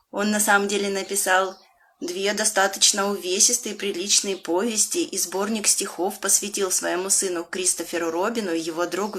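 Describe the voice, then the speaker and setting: A woman with a Russian accent, an English teacher for young children, reading a picture book aloud with big leaps up in pitch and slow, drawn-out questions. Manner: animated storyteller with big swoops up in pitch.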